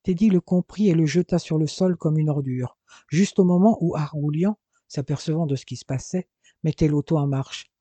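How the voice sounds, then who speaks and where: A man reading an adventure novel aloud as an audiobook narrator, with a lively, dramatic delivery. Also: on the high side, moderate pace, no room sound.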